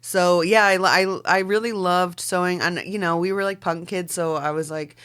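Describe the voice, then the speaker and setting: A woman's voice: on the low side, steady tone, moderate pace, a bit bright, clear, resonant tone. A woman in her forties from Oregon, a podcast guest talking in loose, casual chat full of "like"s and the odd swear word. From Oregon, Pacific Northwest. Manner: loose and chatty, many "like"s and fillers, swears casually. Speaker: podcast guest, fashion designer.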